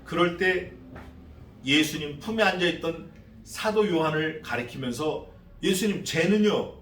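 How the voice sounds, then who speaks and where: A male pastor preaching an expository sermon in a church, animated and conversational, acting out the voices of the figures he speaks of. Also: a little high, measured pace, echoey room, recorded from a distance, slight background noise. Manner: conversational, asks the congregation questions. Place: church sanctuary.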